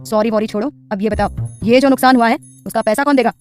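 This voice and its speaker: A woman's voice: a little high, steady tone, very fast, darkish tone, soft background music, lightly acted. A woman voicing a stern, short-tempered young man, a football coach, who speaks in a commanding way. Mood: angry.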